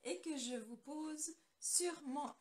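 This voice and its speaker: In a slow, high-pitched voice with a darkish tone, a French woman chats loosely during a live craft tutorial she hosts from her home studio. She greets viewers by name, and the audio comes from a computer camera mic.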